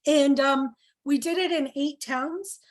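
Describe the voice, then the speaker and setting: A woman organizer presenting at a town hall over a video call, earnest with many pauses and fillers, losing her voice. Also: sits high. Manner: earnest, lots of ums and questions. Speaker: health coalition organizer.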